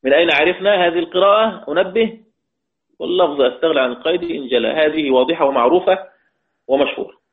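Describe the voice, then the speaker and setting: A man's voice: on the high side, fast talker. Man teaching Quran recitation over tinny audio. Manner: explains step by step, repeating points and asking his students questions. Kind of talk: religious lesson explaining recitation rules.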